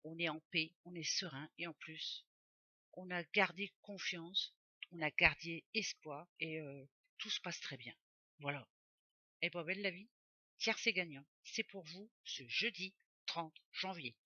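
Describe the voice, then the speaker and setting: A woman's voice: fairly low pitch, unhurried, pushed and bright, no room sound, lo-fi sound. A woman doing a casual oracle card reading for her viewers, chatty and rambling, often correcting herself aloud. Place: home office.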